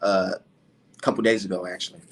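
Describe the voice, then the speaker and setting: A man's voice: low voice, little pitch movement, brisk, breathy edge. A man in his twenties hosting a casual podcast chat, brash and cussing, getting fired up. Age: 20s. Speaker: podcast host.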